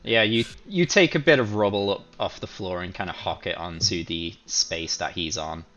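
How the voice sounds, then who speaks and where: A man's voice: deep voice, moderate pace, a bit bright, lo-fi sound, soft background music. A man running a tabletop game as game master, casual and hesitant, with many fillers.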